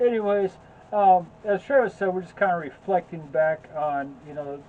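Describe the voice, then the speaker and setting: A man's voice: high voice, fairly even intonation, moderate pace, phone-quality sound. A man co-hosting in a laid-back, joking, rambling way, chatting about his year. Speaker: co-host. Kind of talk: casual chat.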